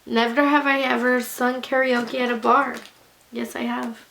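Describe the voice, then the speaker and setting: A woman's voice: fairly high pitch, little pitch movement, a little slow, creaky, fairly bright tone, a little hiss or hum. A young woman vlogger chatting casually to camera in a giggly, tipsy ramble, blunt and full of swearing and slang. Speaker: beauty vlogger.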